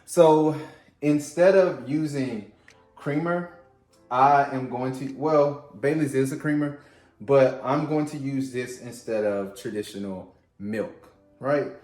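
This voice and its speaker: A man's voice: medium pitch, slow pace, a little mellow, roomy sound, soft background music. A man hosting a casual at-home drink-making video, with a playful, chatty manner, talking straight to his viewers. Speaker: vlog host.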